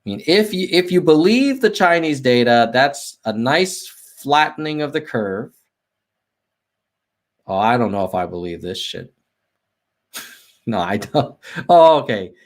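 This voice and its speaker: This American livestream host talks through charts and viewer chat in an unhurried, expressive mid-range voice, leaving long pauses. It's a casual data walkthrough, peppered with ums and self-corrections.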